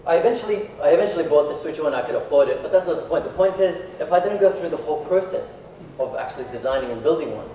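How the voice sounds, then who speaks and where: Expressive and fairly high-pitched, an Iraqi man speaks very fast with hardly any pauses, giving a casual talk to an audience and peppering it with "right" and "yeah." He's a company founder, recorded far from the mic in an echoey indoor venue, with dull sound and slight noise.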